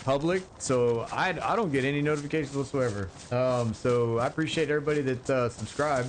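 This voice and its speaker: A streamer casually narrates his game while joking with his viewers, slow and rambling with lots of filler words. He has a mid-range voice, and there's background noise in the recording.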